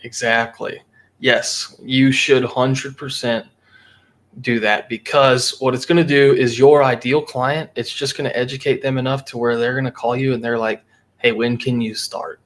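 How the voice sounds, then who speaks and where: A man talking casually as a guest on a podcast, lively and acting out what customers would say. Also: mid-range voice, moderate pace. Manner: animated, acts out quoted customers. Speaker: marketing agency guest.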